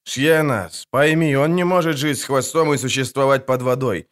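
A man reading an audiobook, voicing a stern, weary male witcher who speaks calmly and tersely. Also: medium pitch, normal speed, close to an everyday voice. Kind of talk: audiobook character voice.

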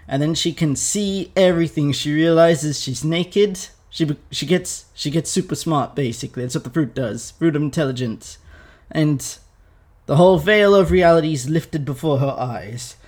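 A man's voice: on the high side, moderate pace, darkish tone. A young man casually retelling a story to his viewers in an irreverent, profane, chatty way. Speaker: vlogger.

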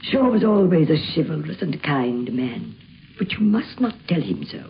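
A woman gently recalling a friend, reflective and calm, on a dull archival recording with faint hiss. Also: low-pitched, normal speed, gravelly. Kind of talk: spoken reminiscence.

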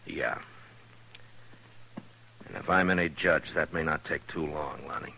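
Marshal Matt Dillon, very deep-voiced frontier lawman. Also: steady tone, measured pace, creaky, sharp tone, slight background noise, heavily acted, rough recording. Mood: gruff, kindly. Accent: American. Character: authoritative frontier US marshal, middle-aged man, gruff but kindly. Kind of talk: 1950s radio western acting. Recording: vintage radio recording, music behind.

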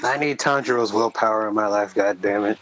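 A man's voice: on the low side, fairly quick, crowd noise, rough recording. A man on a podcast panel who talks emphatically and swears to stress his points. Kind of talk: casual chat.

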